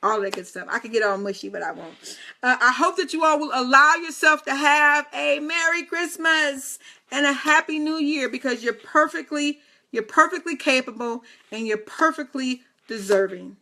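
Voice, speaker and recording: A woman's voice: high voice, moderate pace, bright, forceful tone. A woman in her fifties hosting a casual live video talk, speaking straight to viewers with playful, teasing asides. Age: 50s. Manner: playful, teasing asides and chatty direct address.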